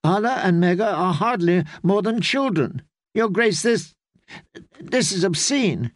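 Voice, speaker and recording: A man's voice: high voice, animated, unhurried, no echo, clean studio sound, voice pushed up. A man reading an audiobook, voicing a young queen who is frightened and indignant. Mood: distressed. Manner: heated, indignant pleading.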